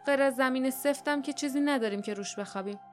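A woman voicing a blunt, grumbling grown man in an audiobook, gruff and complaining. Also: sits high, faint music behind, lightly acted.

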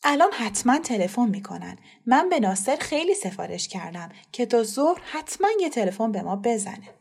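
A woman reading aloud who voices a calm, quick-thinking mother, reassuring and brisk. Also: fairly high pitch, vocal fry, breathy edge, full character voice.

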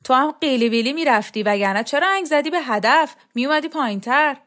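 A woman reader voicing a domineering, scornful woman militant who shouts and sneers in a storybook reading. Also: fairly high pitch, expressive, voice pushed up. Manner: shouting, contemptuous.

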